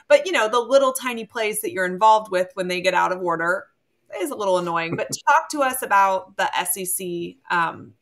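A woman's voice: mid-range voice, sharp tone. A woman hosting a casual interview, asking friendly, lightly teasing questions. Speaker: host.

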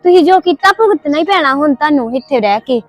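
A woman's voice: sits high, expressive, quick pace, dry recording. A woman playing a young daughter-in-law who answers back to her mother-in-law. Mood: defiant. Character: young daughter-in-law, defiant but worried. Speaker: actor. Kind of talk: village family drama acting.

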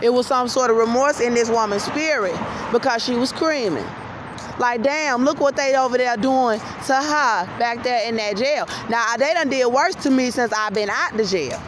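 An American woman in her thirties, her voice a little high and her pace moderate, vlogs while walking a city street at night. She holds her phone at arm's length and talks to the camera like a livestream, insistent and emphatic, often repeating herself. The noisy phone recording picks up traffic and street noise.

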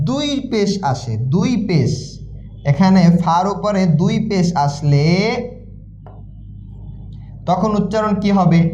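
A man's voice: sits high, dark tone, roomy sound, muffled recording. A man teaching Quran reading, patiently spelling out letters and syllables and answering his own questions. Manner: patient, repeats syllables slowly, asks and answers himself. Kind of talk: recitation lesson, spelling out letters.

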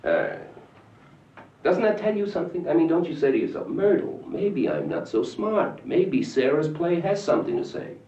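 An actor playing a blunt, needling theater director who turns from sarcasm to pressing questions. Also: male voice, fairly high pitch, wildly swooping pitch, moderate pace, mellow. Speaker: stage director. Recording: roomy, distant, muffled film audio with faint hiss.

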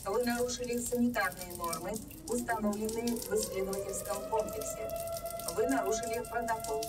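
A woman's voice: fairly high pitch, big pitch swings, moderate pace. A woman voicing a stern female security computer that coldly makes formal announcements, heard from a distance over game music. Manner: cold, formal, repetitive announcements.

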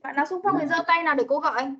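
A woman leads young children through an online English lesson with a high voice. She coaxes answers from them and slows right down to model words for them to repeat. The video-call audio is muffled and lo-fi.

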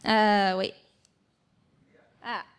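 A woman's voice: mid-range voice, extremely slow, creaky, clean tone. A woman in her twenties, from Switzerland and raised in Singapore, giving a friendly talk in a church hall. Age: 20s. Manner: friendly, relaxed, laughs easily. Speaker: guest speaker. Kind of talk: church talk about mission work. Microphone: stand mic.

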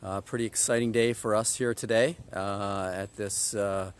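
A man's voice: lowish voice, steady tone, normal speed. A man in his fifties, a home builder, walking through a renovation site, talking easily with many filler "uh"s, filmed on a handheld camera. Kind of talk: on-site walkthrough vlog. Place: outdoors at a construction site, then inside a house under renovation. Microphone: handheld camera at arm's length.

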